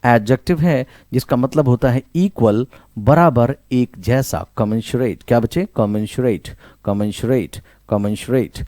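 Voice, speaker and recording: In a clean studio recording with no room sound, a man with an Indian English accent gives an online vocabulary lesson, repeating each word and quizzing the listener while mixing Hindi with English phrases. His mid-range voice is mellow and his pace is slow.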